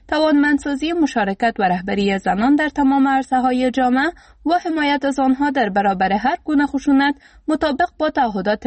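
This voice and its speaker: A woman reading a scripted radio news report in an even, formal tone. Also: high voice, dry recording. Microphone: dry studio mic.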